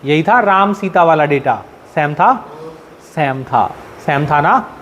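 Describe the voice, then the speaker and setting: High-voiced male teacher quizzing his class. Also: animated, takes it slowly, a bit bright, dull audio, slight background noise. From central India. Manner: keeps asking the class questions; explains step by step with everyday examples. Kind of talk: classroom lecture.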